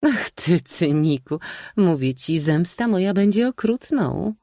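Man putting on a shrill, theatrical old maid aunt. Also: lively intonation, measured pace, dark tone, no echo, clean studio sound. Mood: teasing. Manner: shrill, teasing and declamatory. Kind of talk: audiobook reading.

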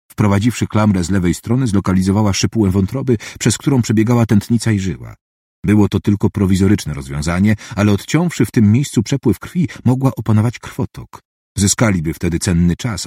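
A man reading a novel aloud as an audiobook, in an even, measured narration. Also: sits low, slightly rough, dry recording, studio quality.

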